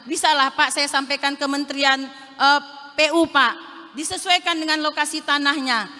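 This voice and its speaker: A woman from Aceh makes a formal appeal on stage in a high, bright voice, pleading and addressing the official again and again. Her handheld mic rings out through a large hall with a long reverb tail. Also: steady tone, normal speed. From Aceh, Indonesia. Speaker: head of a regional social services office. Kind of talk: formal appeal at a national meeting.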